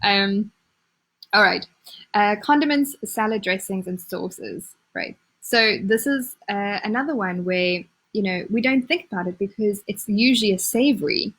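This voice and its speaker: Woman nutrition coach, breathy, casual live-stream chat, chatty and upbeat. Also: medium pitch, unhurried, fairly bright tone, low-quality recording. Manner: chatty, many "um"s and restarts, upbeat asides.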